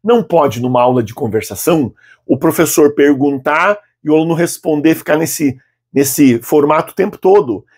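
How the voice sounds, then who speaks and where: A husky, slightly higher-pitched man in his fifties with a Brazilian Portuguese accent. He teaches a video language lesson, speaking patiently. He slows down on model phrases so learners can repeat them aloud. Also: a little mellow. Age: 50s. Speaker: Arabic teacher.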